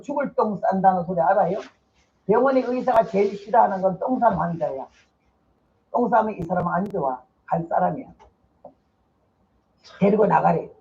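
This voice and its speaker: A woman's voice: fairly high pitch, darkish tone, highs cut off. An older woman preacher delivering a sermon, telling a personal testimony vividly and dramatically.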